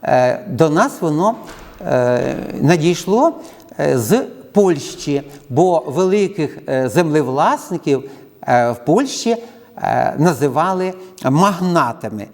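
A man's voice: a little high, lively intonation, takes it slowly, darkish tone. A man giving an educational lecture, speaking unscripted with frequent hesitations and filler sounds. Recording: long hall reverb.

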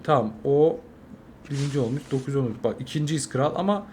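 A young man, a mobile game streamer, giving live gameplay commentary, swearing constantly and swinging from angry yelling to low muttering. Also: a little fast. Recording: noisy game audio behind.

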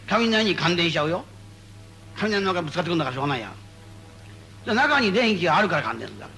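A high, bright male voice delivering spiritual guidance to a live audience in a meeting. He talks in an animated, playful way, swinging his pitch widely and repeating phrases for emphasis, with faint music behind him. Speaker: Buddhist lay leader giving guidance. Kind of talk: spoken guidance talk to a gathering.

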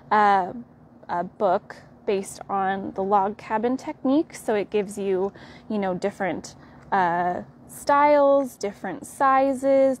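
A young woman with an American accent hosting a live tour of a quilt fabric shop, walking the aisles and showing products in a friendly, unhurried way. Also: medium pitch, slight background noise. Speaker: quilt shop staff host.

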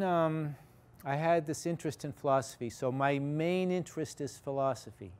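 An older man with a Boston accent gives an informal guest lecture on campus in a large hall, telling his story in a meandering way packed with restarts and filler words. His mid-range voice is slightly mellow and clean in tone.

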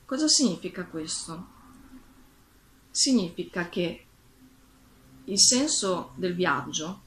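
A woman's voice: on the low side, big pitch swings, slow pace, fairly bright tone, slight background noise. A woman casually reading a storybook aloud and reflecting on it, in a thoughtful, slightly hesitant way.

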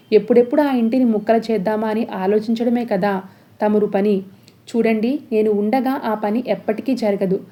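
A woman's voice: fairly high pitch, mellow, lightly acted. A woman voicing a defiant young wife who confronts and accuses, in a serial recap story.

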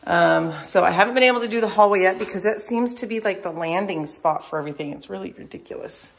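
A woman's voice: medium pitch, fast, vocal fry. A tired woman chatting casually to camera as she shows rooms of her house under renovation. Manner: chatty, showing things to camera. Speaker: vlogger. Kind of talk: casual home renovation vlog.

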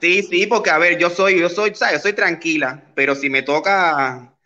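A man's voice: fairly high pitch, moderate pace, bright, forceful tone, muffled recording. A man voicing a brash, flirty single Cuban woman in her late twenties, with a Cuban accent and a boastful, playful manner over a video call. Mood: sassy.

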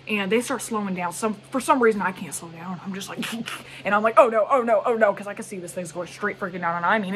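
A young woman chatting straight to camera in a casual vlog, her voice sitting at an ordinary middle pitch. She tells her story with animated, exclamatory asides. A faint hiss of noise runs under the recording. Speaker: vlogger.

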